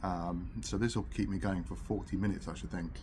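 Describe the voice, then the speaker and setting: A man's voice: low voice, steady tone, a little fast, a little mellow. A British man gives a casual review to camera, talking between puffs with a pipe in his mouth, recorded on a camera's own microphone. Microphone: built-in camera microphone. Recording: noisy camera audio without separate microphone.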